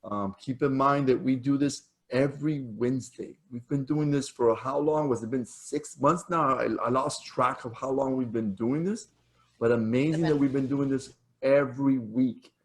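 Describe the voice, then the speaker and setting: Hosting an online community meetup on a video call, a man with a mid-range voice speaks at a moderate pace. He is chatty, fills his speech with fillers and self-corrections, and mentions that he is losing his voice.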